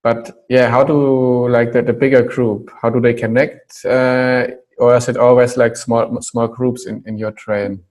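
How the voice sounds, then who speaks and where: A man's voice: medium pitch, little pitch movement, measured pace, hardly any pauses, darkish tone. A man interviewing a guest, asking loose questions full of fillers. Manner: loose and hesitant, many fillers.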